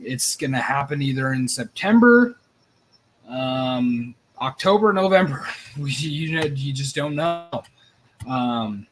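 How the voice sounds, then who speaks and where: A man hosting a casual sports show, rambling and excitable, with some swearing and nervous energy. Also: medium pitch, slight background noise. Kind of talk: casual live sports chat.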